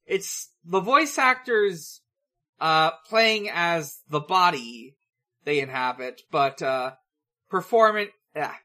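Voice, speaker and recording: A podcast co-host recapping episodes in casual chat, halting and restarting often. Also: medium pitch, lively intonation, sharp tone.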